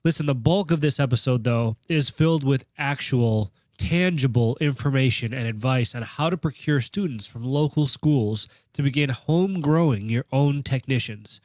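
A man's voice: medium pitch, moderate pace, few pauses, a little mellow, no room sound, studio quality. A man hosting a podcast while sick, his voice nasal, with a joking, self-deprecating manner. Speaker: podcast host. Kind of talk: podcast intro.

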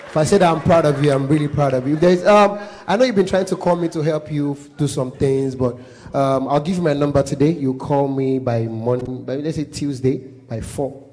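A man with a Nigerian accent doing live stand-up comedy, animated, slipping into Pidgin and Yoruba and loud put-on voices. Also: on the high side, moderate pace. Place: live comedy show venue.

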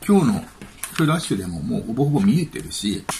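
A man's voice: medium pitch, very animated, quick pace, vocal fry, a little mellow, a little hiss or hum. A man giving casual spoken commentary as a YouTube commentator, chatty and offhand, thinking aloud.

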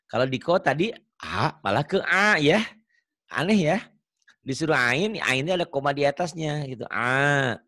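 A man's voice: on the high side, expressive, moderate pace, pushed and bright, no room sound, clean studio sound. Man patiently drilling Arabic letter sounds. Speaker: Quran reading teacher. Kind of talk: online tajwid lesson.

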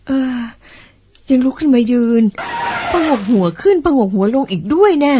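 An actress playing an excitable mother who exclaims and describes what she sees, in old-style radio drama acting. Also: high-pitched, moderate pace, noisy background. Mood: exclaiming. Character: excitable mother, easily startled.

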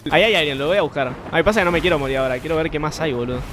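A young man with an Argentine accent, chatting and swearing freely while streaming a game, now and then bursting into shouts. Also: a little high, racing, background noise. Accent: Argentine Spanish. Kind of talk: live game commentary.

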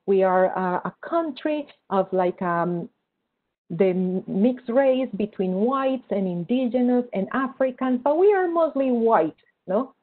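A woman's voice: on the high side, lively intonation, unhurried. Woman, tinny video call. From Colombia. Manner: earnest, explanatory, many fillers like "kinda like" and "right?". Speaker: guest historian. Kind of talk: academic seminar talk and Q&A.

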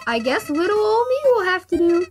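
Woman putting on a very high, perky little flower. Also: big pitch swings, fairly quick. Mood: perky, folksy. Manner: folksy, cutesy, patronizing. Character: falsely sweet, perky little talking flower. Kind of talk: video game dialogue read aloud. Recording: game music under the voice.

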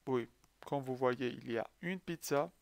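A man's voice: medium pitch, a little slow, gravelly, a little mellow. A man teaching a French lesson to learners who speak Persian. He is patient, asks the class questions and then answers them himself. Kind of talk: language lesson.

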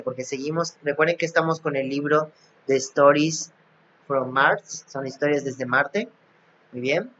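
A man's voice: a little high, fairly bright tone, slight background noise. A male teacher recording a class for young pupils, repeating and translating each English phrase. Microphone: recording app, device not seen. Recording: dull lo-fi app recording.

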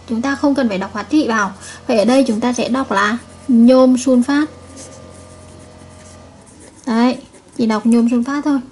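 A woman's voice: high voice, a little hiss or hum. A woman chemistry teacher giving a recorded video lesson, patiently repeating each point and checking with her students.

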